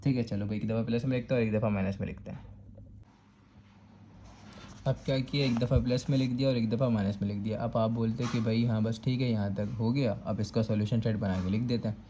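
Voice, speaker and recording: A man's voice: fairly low pitch, fairly even intonation, fast talker, warm tone, slight background noise. A man with a Karachi Urdu accent teaching a step-by-step math lesson, patiently repeating "thik hai" to check that students follow. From Pakistan.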